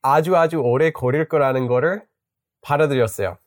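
A man's voice: medium pitch, normal speed. A man from the United States, a native English speaker with an American accent, chatting casually as an interview guest. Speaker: interview guest, Korean learner.

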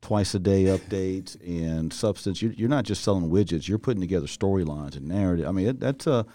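A man's voice: low voice, fairly quick, warm tone. A man hosting a conversational interview, who tells anecdotes and often stumbles and repeats his words.

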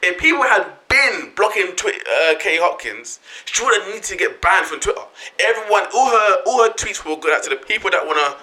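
A man's voice: high voice, lively intonation, a little fast, few pauses, pushed and bright, poor audio. A man in a casual chat, speaking emphatically.

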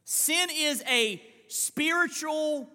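A man with a strikingly high speaking voice delivers a live sermon from the pulpit. He preaches unhurriedly and earnestly, quoting scripture and putting questions to his listeners. His voice rings out through the long reverb of a church sanctuary. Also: drawn-out words, pushed and bright. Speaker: senior pastor.

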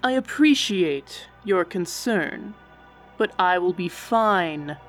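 A woman's voice: on the low side, expressive, slow pace, faint music behind. A woman voicing an angel guild leader in an audiobook, speaking in a poised, formal way.

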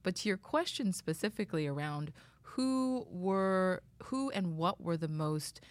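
A woman from Canada, a tech leader and former attorney, answering interview questions in a measured, articulate way in a studio. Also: lowish voice, expressive, no room sound.

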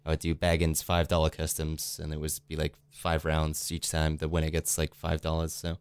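A deep-voiced man who sounds sick, chatting casually as a podcast co-host. His voice comes across smooth and resonant, and the sound is dry and close. He rambles with plenty of ums and likes. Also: monotone, normal speed, no echo. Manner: rambling, filler-heavy talk.

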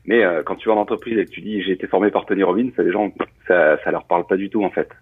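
A man, a coach who used to be a pilot, talks through his training in a loose, explanatory way, full of fillers and restarts. His voice sits low and slightly husky, and he moves at a quick clip. The sound comes through a thin, phone-like line. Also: fairly even intonation. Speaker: guest, coach and former pilot. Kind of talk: casual interview talk.

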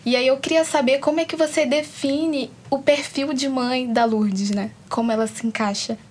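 A Brazilian woman, the host's assistant, asking a guest a measured question. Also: sits high, steady tone, darkish tone, a little hiss or hum. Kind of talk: interview question.

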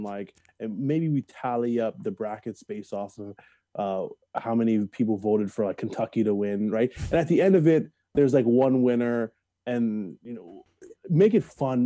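Relaxed, dark-voiced man bantering. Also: mid-range voice, normal speed, no echo. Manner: emphatic, repeats phrases for effect. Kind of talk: casual opinionated podcast banter.

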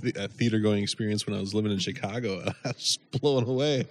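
A man's voice: fairly low pitch, quick pace, a little hiss or hum. A man co-hosting a casual podcast, telling stories animatedly and laughing as he goes. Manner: animated storyteller, laughs mid-sentence. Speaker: podcast co-host. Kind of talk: casual chat.

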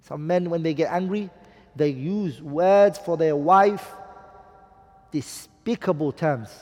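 Man lecturing, high voice, emphatic, rhetorical questions, quotes Arabic, long hall reverb. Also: a little mellow. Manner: quotes Arabic hadith and poetry. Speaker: Islamic teacher. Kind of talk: classroom lecture on marriage.

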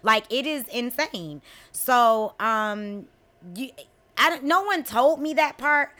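A bright, fairly high-pitched woman in her middle years, chatting casually. She tells her story bluntly and with lots of animation, slipping into the voices of the people she quotes. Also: expressive, slow pace. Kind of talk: casual chat.

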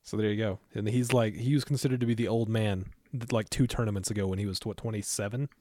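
A man's voice: lowish voice, steady tone, quick pace, mellow, dry recording. A man in his thirties hosting a podcast, chatting casually, trailing off and laughing often. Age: 30s. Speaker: podcast host. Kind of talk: casual chat.

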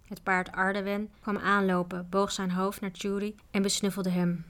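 A woman narrating a children's adventure book aloud in a steady, even reading voice. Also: medium pitch, normal speed. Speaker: audiobook reader. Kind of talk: storybook narration.

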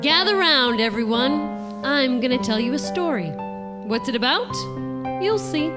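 An actress narrating an audio drama as a teasing storyteller. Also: female voice, high-pitched, lively intonation, a little slow. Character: female narrator-storyteller, intimate and knowing. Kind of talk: scripted narration. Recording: narration over loud music.

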